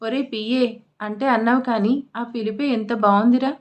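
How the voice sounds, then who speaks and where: A bossy, crude old grandmother, played by a woman narrator in an audio storybook. She snaps and scolds in coarse, quick retorts, her voice sitting a little on the high side. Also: steady tone, muffled recording, lightly acted. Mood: scolding.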